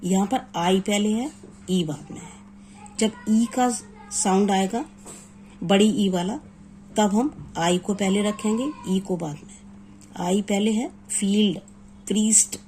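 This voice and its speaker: A woman teaching an exam-prep grammar lesson, reading English rules slowly word by word and then explaining them. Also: medium pitch, mellow, a little hiss or hum, low-quality recording.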